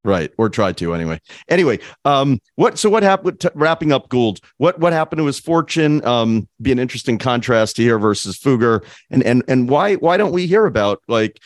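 A male podcast host asking questions in a halting way, with many restarts and fillers. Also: medium pitch, very animated, no echo, studio quality. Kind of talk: podcast interview conversation.

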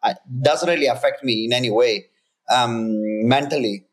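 He speaks at normal speed with a medium pitch: a man in his thirties, originally from Greece, who founded a company. Appearing as an interview guest, he talks casually yet earnestly and emphatically, often beginning sentences again.

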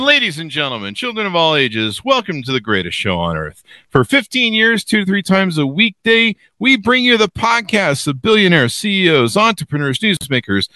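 A man's voice: on the high side, pushed and bright, dry recording. A man hosting a podcast with jokey, irreverent, ad-libbed showman patter, like a ringmaster. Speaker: podcast host.

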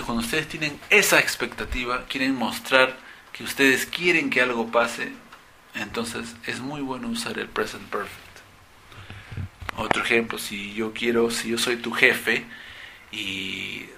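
Bright-voiced man teaching English grammar. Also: mid-range voice, creaky, slight background noise. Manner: animated, acts out example questions in English. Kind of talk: explaining grammar to students.

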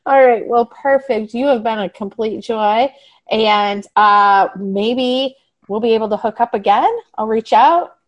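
A woman's voice: fairly high pitch, measured pace, highs cut off. Upbeat woman hosting a podcast. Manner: upbeat, chatty, laughs often. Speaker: podcast host. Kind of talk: interview wrap-up chat.

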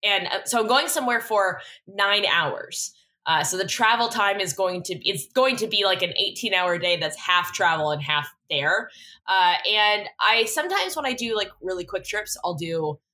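A woman co-hosting a podcast in casual conversation, chatty, self-deprecating and quick to swear. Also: mid-range voice, lively intonation, bright, forceful tone. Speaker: podcast co-host. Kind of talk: casual chat recapping a TV drama.

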